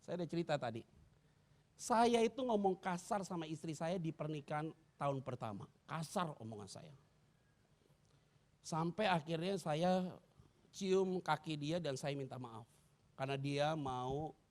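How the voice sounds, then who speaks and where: High-pitched pastor preaching, joking around, gets loud then drops real quiet. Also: male voice. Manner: animated and joking, swings from loud to hushed. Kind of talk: sermon.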